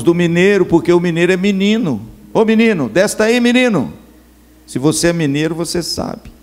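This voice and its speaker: A man's voice: fairly high pitch, a little mellow. A middle-aged male pastor preaching a sermon at a church camp, speaking to his listeners as brothers. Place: church camp meeting hall.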